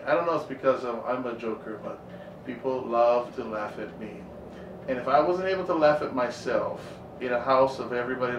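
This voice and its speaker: Soft-spoken pastor man, distant roomy sound. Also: medium pitch, dull audio. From Maui, Hawaii. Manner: soft-spoken, hesitant, rambling. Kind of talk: casual interview storytelling. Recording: roomy, distant, noisy recording.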